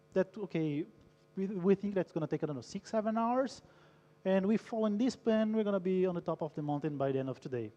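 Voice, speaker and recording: A man's voice: sits high, mellow, lo-fi sound. Man speaking in a reverberant hall. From Brazil. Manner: engaging, polls the audience, tells a story. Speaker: conference speaker. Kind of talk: conference talk. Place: large conference hall.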